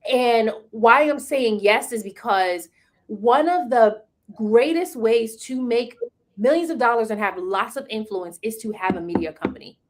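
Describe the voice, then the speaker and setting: A woman with a slightly high voice co-hosts a casual conversation. She talks quickly and with enthusiasm and breaks into laughter easily.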